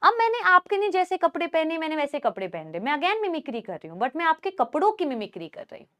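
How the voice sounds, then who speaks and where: A woman teaching a class, mixing Hindi and English. She asks questions and answers them herself, and repeats key words slowly so students can write them down. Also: high voice, wildly swooping pitch, fairly bright tone. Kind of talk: classroom lesson, dictating notes.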